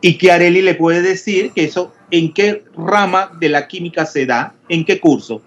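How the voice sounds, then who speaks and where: Male teacher in an online lecture, slightly high pitch, quizzes students, hesitant, muffled audio. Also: moderate pace. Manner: questioning, explanatory, many hesitations. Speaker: chemistry teacher. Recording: dull lo-fi audio with faint noise.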